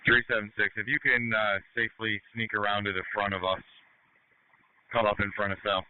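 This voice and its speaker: A man's voice: on the low side, little pitch movement, a little fast, clean tone, dry recording. A man working as a firefighter, giving clipped, businesslike status reports over an emergency two-way radio. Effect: two-way radio transmission. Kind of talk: terse emergency radio traffic. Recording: narrow-band emergency scanner radio.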